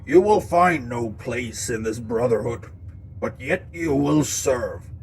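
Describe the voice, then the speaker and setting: A man voicing a stern older warrior-priest who makes slow, solemn pronouncements. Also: medium pitch, expressive, slight background noise, poor audio. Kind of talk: audiobook-style story narration.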